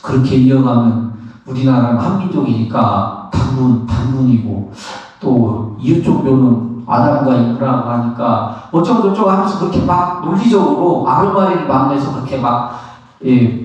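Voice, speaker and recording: A middle-aged man, a Buddhist monk, giving a lively spoken lesson on meditation, laughing often and acting out how he counts his breaths. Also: mid-range voice, moderate pace, muffled recording. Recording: echoey room, somewhat far from the mic.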